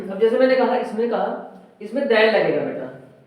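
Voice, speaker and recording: A man's voice: high-pitched, sing-song, darkish tone. Man teaching in a very echoey classroom. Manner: explains slowly, asks pupils questions and repeats their answers. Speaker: English teacher. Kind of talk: classroom grammar lesson. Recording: very echoey classroom, mic far off.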